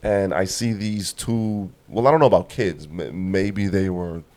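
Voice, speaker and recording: A man's voice: sits low, measured pace, a little mellow. A man chatting casually on a podcast, swearing and explaining the news. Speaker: podcast co-host. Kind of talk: casual chat.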